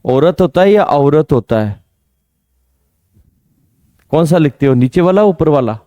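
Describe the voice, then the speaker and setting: A male grammar teacher in an exam coaching lesson, speaking at a very slow, deliberate pace in a slightly high voice. He quizzes students on pronunciation again and again and stretches out the example words. The sound is dry and close, with no room echo. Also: animated, mellow. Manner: drills pronunciation with repeated questions to students.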